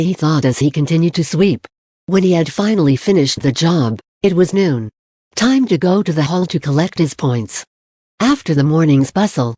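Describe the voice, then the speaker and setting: A narrator reading a fantasy novel aloud in a steady, plain storytelling manner. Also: medium pitch, no room sound, studio quality. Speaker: audiobook narrator. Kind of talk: audiobook narration.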